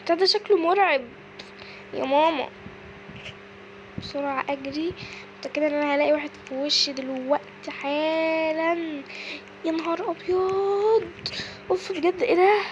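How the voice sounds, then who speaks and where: A woman with an Egyptian accent giving casual, excitable commentary as she plays a game, often shrieking and exclaiming. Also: extremely high pitch, normal speed, long pauses, muffled recording, a little hiss or hum. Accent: Egyptian Arabic. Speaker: gaming video creator.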